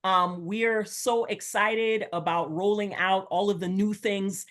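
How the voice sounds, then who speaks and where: A middle-aged woman, born in Jamaica and raised in the United States, speaks as a real estate coach on a video call. Her casual webinar talk is chatty and rambling, delivered slowly at an ordinary mid pitch with fairly even intonation.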